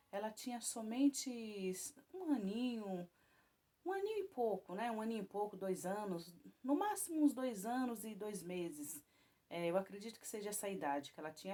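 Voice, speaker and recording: Woman giving a rambling spoken testimony. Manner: rambling, many restarts and tag questions; voice rises high and loud when retelling alarm. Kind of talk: personal testimony told to viewers.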